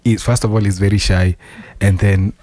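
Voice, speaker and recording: A man's voice: on the low side, fairly even intonation, moderate pace, a little mellow, slight background noise. A man with a Kenyan accent chatting casually as a co-host, switching between English and Swahili.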